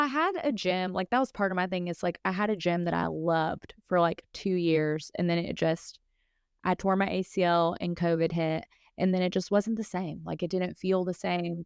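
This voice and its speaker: This thirties-aged woman, a podcast co-host, speaks in a low, gravelly yet smooth voice. Her casual, candid chat is full of fillers and little laughs, captured in clean studio sound without echo.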